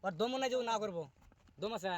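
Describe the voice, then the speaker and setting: Rail worker dude, loud joking chatter, high pitched, outdoor job site. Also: male voice, fast talker. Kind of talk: casual banter on a worksite. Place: outdoor railway worksite.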